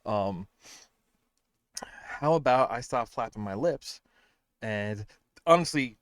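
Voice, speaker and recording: The host's mid-range voice is animated yet slow, recorded at studio quality with no room sound. Worn out and a little short of breath, he rambles through casual livestream chat during his home game stream, self-deprecating and heavy on fillers.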